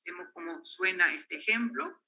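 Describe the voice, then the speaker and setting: A man's voice: high-pitched, animated, moderate pace, gravelly, pushed and bright, slightly rough, rough recording. A man with a Paraguayan Spanish accent giving an academic lecture on linguistics, hesitant, with many fillers and restarts.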